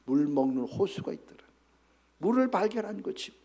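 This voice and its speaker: A man's voice: high-pitched, big pitch swings, moderate pace, dark tone. A male pastor delivering an emphatic sermon in church, often calling out to the congregation.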